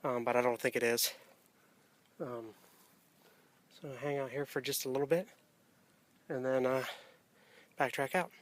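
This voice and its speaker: A man narrating a hiking vlog in a casual, unscripted way, often pausing mid-thought, recorded outdoors on a handheld camera. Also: medium pitch, steady tone. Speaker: hiker filming a trail vlog. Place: outdoors on a wooded rocky trail near a stream. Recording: outdoor camera audio with ambient noise.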